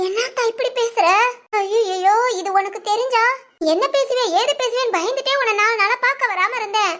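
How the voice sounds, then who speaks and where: A woman's voice: very high voice, moderate pace, fairly bright tone. A woman acting a nosy, gossiping village woman who pries and wheedles. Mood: prying.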